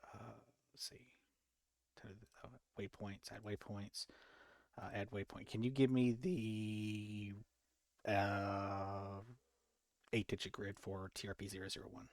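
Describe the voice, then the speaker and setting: A man's voice: fairly low pitch, flat delivery, a little slow, a little mellow, dry recording. A man in casual military game chatter, muttering to himself as he works through a task. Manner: muttering to himself while working. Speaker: player working out mortar firing solutions.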